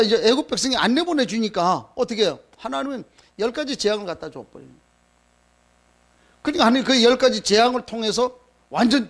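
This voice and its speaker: A man preaching a Sunday sermon in Korean, retelling scripture in a conversational, animated way and acting out the quoted lines. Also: very high voice. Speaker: pastor.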